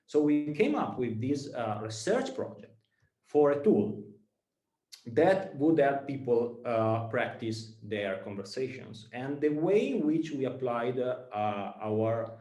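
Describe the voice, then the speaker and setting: With a medium-pitched, expressive, and warm voice, an Italian man who founded a startup talks to students in his Italian accent. He speaks haltingly, using many fillers and repeating words, and the sound is reverberant.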